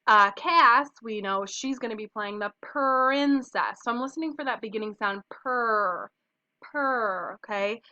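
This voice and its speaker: In a dull, lo-fi home recording, a young woman walks kindergartners through a phonics lesson, patiently sounding out each letter and short vowel. Her voice is a bit high and pushed and bright, at a normal speed with barely any pauses.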